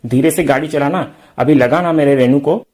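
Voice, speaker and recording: A caring middle-aged husband fusses over his wife and scolds his son, as a man reads his lines. The voice is moderately high and firm. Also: moderate pace, a little mellow, lightly acted. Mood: concerned. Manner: concerned, scolding.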